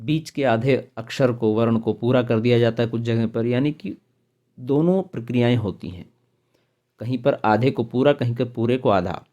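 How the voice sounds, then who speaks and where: A man's voice: mid-range voice, mellow. A man teaching a grammar lesson, reading out lists of example words one at a time. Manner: slow, listing word examples one by one.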